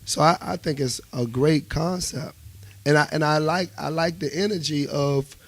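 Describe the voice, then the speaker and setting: Speaking at normal speed with a fairly high pitch, a musician guest with a Washington, DC accent chats casually on a radio interview. His storytelling is emphatic and animated, punctuated by frequent checks that he's being understood.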